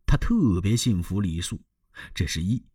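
A man's voice: deep voice, expressive, normal speed, warm tone, breathy edge, no room sound, clean studio sound. A man voicing a shrewd court official in a traditional storytelling performance, advising in a matter-of-fact way.

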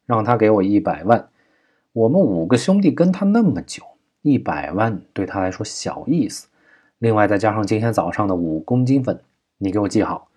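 A man's voice: sits low, darkish tone, husky. A man voicing a snarling kidnapper thug. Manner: snarling, crude threats. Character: vicious male kidnapper thug, threatening.

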